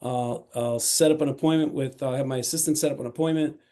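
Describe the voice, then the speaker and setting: A middle-aged man talking as a podcast guest in a casual, energetic and enthusiastic way, often restarting his sentences. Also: medium pitch, fast talker. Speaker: podcast guest, self-storage investor. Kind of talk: casual interview talk.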